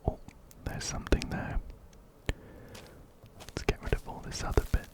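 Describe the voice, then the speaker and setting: A man hosts an ASMR game playthrough, whispering gently and breathily right up close to a binaural microphone. He's soft-spoken and unhurried, and the sound spreads ear to ear.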